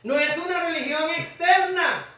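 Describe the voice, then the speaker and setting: A Cuban man with a Cuban Spanish accent preaches an emphatic sermon, often raising his voice to a shout. His voice sits very high for a man. He sounds distant from the mic in a strongly echoing church hall. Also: measured pace. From Cuba. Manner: emphatic, shouting at times, addresses the congregation directly. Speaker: pastor.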